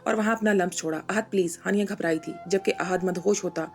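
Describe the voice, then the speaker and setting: Gravelly woman reading a novel. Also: on the low side, steady tone, fast talker, darkish tone, faint music behind. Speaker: audiobook narrator. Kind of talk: reading a romance novel aloud.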